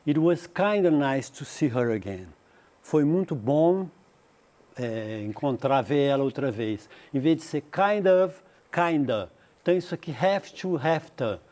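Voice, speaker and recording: A middle-aged man with a Brazilian Portuguese accent, teaching an English lesson. He explains points and repeats words slowly to model how they sound. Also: on the high side, a little mellow. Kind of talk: recorded classroom lesson.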